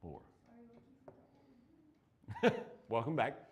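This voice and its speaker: A man's voice: medium pitch, wildly swooping pitch, drawn-out words. A man in his forties teaching a math class, chatty and encouraging, with joking asides to his students. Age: 40s.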